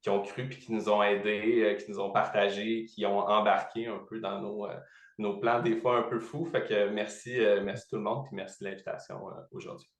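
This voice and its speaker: A man with a Quebec French accent giving halting, conversational answers as an interview guest, in a roomy, echoing recording. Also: fairly low pitch, flat delivery. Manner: halting, repeats words while searching. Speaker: podcast guest, training professional.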